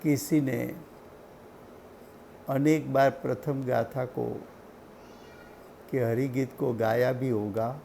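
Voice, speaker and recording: Slow, gravelly man teaching scripture. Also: medium pitch, steady tone, mellow, slight background noise. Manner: slow, deliberate teaching with repetition. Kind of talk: religious study lecture.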